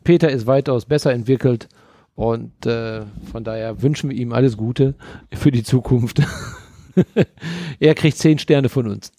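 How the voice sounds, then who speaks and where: A man's voice: mid-range voice, a little slow, warm tone, no echo. A man co-hosting a podcast in casual, playful, teasing chat. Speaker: podcast co-host.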